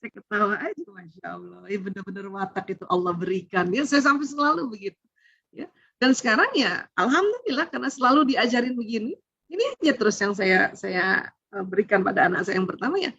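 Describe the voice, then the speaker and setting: A middle-aged woman giving a parenting seminar, chatty and animated, laughing often. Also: fairly high pitch, no room sound. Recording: dull lo-fi sound.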